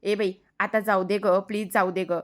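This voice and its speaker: A woman's voice: mid-range voice, flat delivery, normal speed, lightly acted. A woman voicing a timid, newly married young woman who speaks hesitantly and pleads. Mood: pleading.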